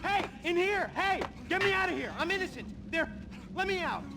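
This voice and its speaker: A man's voice: extremely high pitch, expressive, fast talker, noisy background. An actor playing a panicky, frantic male captive in a video game, whining and exclaiming. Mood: panicked.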